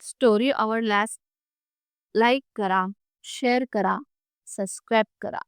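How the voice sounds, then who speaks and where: A woman narrating a scripted family story in a slow, gentle reading voice, close to the mic. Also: on the high side, clean tone, no room sound.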